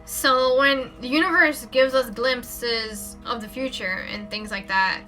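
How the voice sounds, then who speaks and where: With faint music behind her, this adult mother reads spiritual cards live in a loose, meandering way, often using fillers and correcting herself. Her fairly high voice sounds pushed and bright, and she takes her time.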